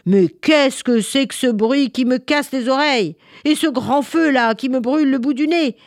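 Grumpy old Winter, a bearded man just woken from a long sleep, as a woman storyteller plays him. He grumbles and sounds bewildered. His voice swings widely in pitch and sounds dry and close. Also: expressive, fairly quick, a little mellow, slightly rough, no room sound.

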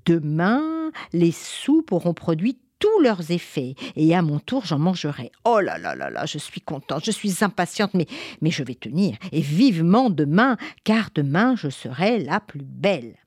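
A woman's voice: lowish voice, very animated, a little slow, a little mellow, husky, no room sound, clean studio sound, exaggerated voice. A woman voicing a vain, ugly female witch who frets and mutters to herself over a beauty potion in a storybook reading. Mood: gleeful, fretful. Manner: fussy, gleeful, muttering to herself.

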